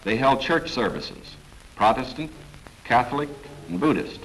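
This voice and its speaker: A man giving formal, measured 1940s government newsreel narration. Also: mid-range voice, expressive, fairly bright tone, low-quality recording. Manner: formal, measured, authoritative delivery. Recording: narration over clear background music.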